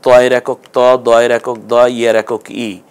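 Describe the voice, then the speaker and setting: A man's voice: mid-range voice, little pitch movement, clear, resonant tone. Man teaching Quran letter sounds. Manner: slow, drawn-out letter sounds for learners to repeat. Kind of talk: online Quran pronunciation class.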